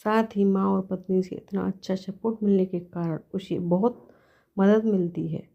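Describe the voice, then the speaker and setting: Lady reading out an emotional family story, mid pitch, kinda muffled audio. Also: steady tone, moderate pace, gravelly.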